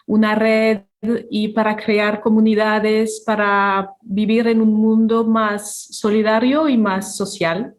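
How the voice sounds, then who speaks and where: A woman's voice: fairly high pitch, darkish tone. A woman in her forties from Belgium, a parent and neighborhood volunteer, speaking earnestly as a guest with small restarts. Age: 40s. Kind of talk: casual interview talk.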